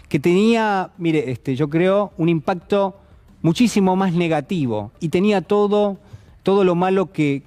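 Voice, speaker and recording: A man's voice: on the high side, dark tone. A man giving a televised political commentary, speaking to the viewer directly and posing rhetorical questions. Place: television studio.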